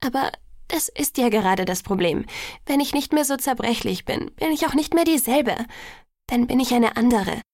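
A woman voicing an insecure, stubborn young heroine, speaking earnestly with a slight creak. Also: animated, normal speed, darkish tone, no echo, clean studio sound. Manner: earnest, pleading, raised pitch.

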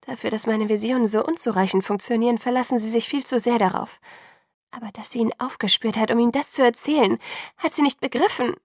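A woman reading an audiobook, voicing a sharp-tongued, fierce young woman with cutting, clipped lines. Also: fairly high pitch, a little fast, dry recording, studio quality. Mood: urgent.

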